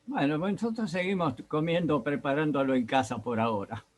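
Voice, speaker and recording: A woman's voice: low-pitched, brisk. A woman co-hosting a dialogue series, talking casually with short, affirming replies. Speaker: co-host, moderator. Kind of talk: casual conversation.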